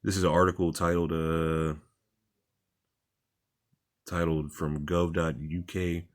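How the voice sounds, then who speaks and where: A man's voice: sits low, flat delivery, slow pace. A man reading articles aloud and commenting on them in an informal, repetitive, plain-spoken way, as a religious commentator.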